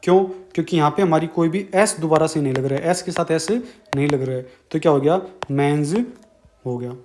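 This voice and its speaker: A man's voice: on the high side, brisk, a little mellow, slight background noise. A man with an Indian accent teaching an exam-prep grammar lesson, explaining step by step and asking and answering his own questions.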